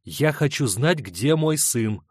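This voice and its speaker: A man reading an audiobook voices a shrill, melodramatic middle-aged woman who shrieks her accusations. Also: lively intonation, slow, husky, no echo, clean studio sound. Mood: demanding.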